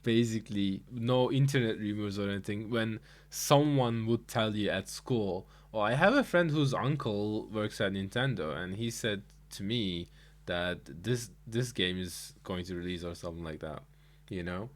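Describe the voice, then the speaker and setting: A man's voice: on the low side, moderate pace. A man hosting a livestream in a laid-back, easygoing way, laughing often. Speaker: stream host. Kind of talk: casual livestream chat.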